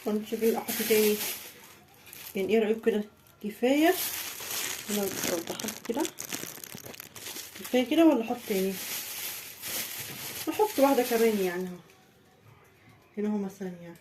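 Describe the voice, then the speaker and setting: A woman's voice: mid-range voice, fast, long pauses, background noise. A woman with an Egyptian accent chatting to viewers as she decorates a birthday cake in her home kitchen. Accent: Egyptian Arabic. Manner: chatty, talks viewers through each step. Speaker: home baking vlogger. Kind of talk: casual cake-decorating tutorial.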